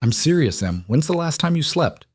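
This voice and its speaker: A man voicing a concerned young male coworker who talks bluntly and quietly. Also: fairly high pitch, sing-song, normal speed, husky, dry recording, clean studio sound, voice pushed up.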